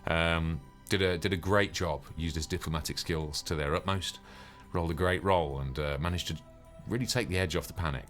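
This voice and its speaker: A man's voice: deep voice, a little fast, hardly any pauses, fairly bright tone, faint music behind. A man chatting casually and self-deprecatingly as game master of a streamed tabletop game.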